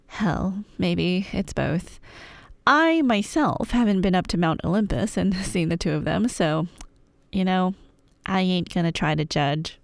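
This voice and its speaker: This woman's lowish, creaky voice unfolds unhurriedly on a dry, studio-quality recording. Playing a playful, nerdy girlfriend for a scripted ASMR roleplay, she chats her way through myths in casual, rambling fashion, with a wry, irreverent, slangy edge.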